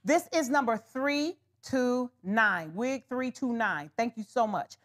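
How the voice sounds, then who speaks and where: A woman's voice: on the high side, animated, slow, a bit bright. A woman hosting a live wig sales show, talking casually to viewers, calling them honey and y'all as she pushes the deals. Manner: chatty, calls viewers honey and y'all, hard-selling. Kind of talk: live shopping stream chat.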